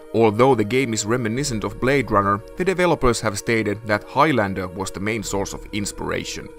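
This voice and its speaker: A man narrating a scripted retro game review in a measured, formal, essay-like way. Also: fairly low pitch, fairly bright tone.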